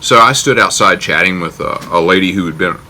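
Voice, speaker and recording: A man's voice: deep voice, brisk, sharp tone, a little hiss or hum. An American man telling a casual personal anecdote in a wry, self-deprecating, joking way. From United States. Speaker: storyteller.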